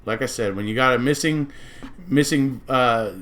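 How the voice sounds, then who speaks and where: A man's voice: medium pitch, normal speed, fairly bright tone. An American man giving a casual, speculative monologue as a true-crime commentator, rambling and circling back to repeat his points.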